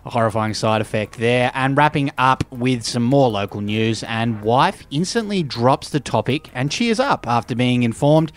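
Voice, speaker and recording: An Australian man anchoring a mock news bulletin, straight-faced and deadpan. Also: medium pitch, normal speed, few pauses. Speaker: news anchor of satirical show.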